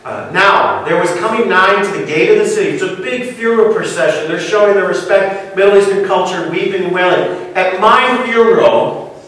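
A pastor preaches in a casual, joking way, checking in with his listeners through rhetorical questions. His voice sits high for a man. He is heard from a distance in a very echoey church room. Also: moderate pace, fairly bright tone. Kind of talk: sermon. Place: church sanctuary.

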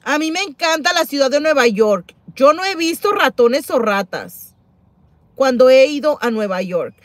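A middle-aged woman chatting casually on a livestream, reading viewer comments aloud and exclaiming with many repeated words. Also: normal speed. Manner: animated, exclaims and repeats herself, swings high and loud. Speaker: couponing livestream host.

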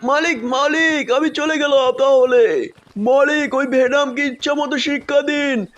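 Cartoon cow, played by a man: extremely high-pitched, urgent, pleading, devoted pet in distress. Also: steady tone, measured pace, a bit bright, lo-fi sound. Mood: frightened. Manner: pleading, urgent, mooing cries. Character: distressed talking cow, loyal pet of a superhero. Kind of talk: children's superhero cartoon voice acting.

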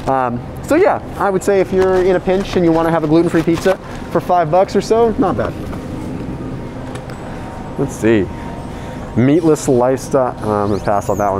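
A man speaking through a face mask in a grocery store aisle, reviewing frozen food in a chatty way and reading the labels out loud. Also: on the high side, noisy background. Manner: chatty, reads labels aloud. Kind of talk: casual product review.

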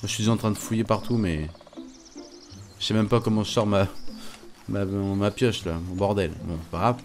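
A man's voice: fairly low pitch, fairly even intonation, moderate pace, soft background music. A man giving casual let's-play commentary, chatty and stumbling, reading game text aloud and swearing lightly. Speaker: gaming YouTuber.

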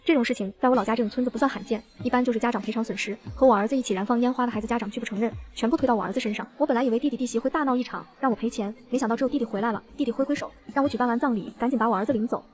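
A woman narrating a first-person novel as an audiobook reader, in a brisk, even storytelling manner. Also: on the high side.

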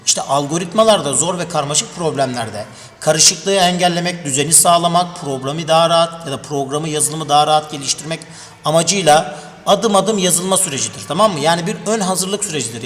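A man teaches a review lesson at a quick clip, his voice sitting slightly high. He keeps turning to the children with questions he then answers himself. The sound rings with a long room echo over a faint background hiss. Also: fairly bright tone. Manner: addresses children directly, asks and answers own questions. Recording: echoey room with long reverb, faint noise.

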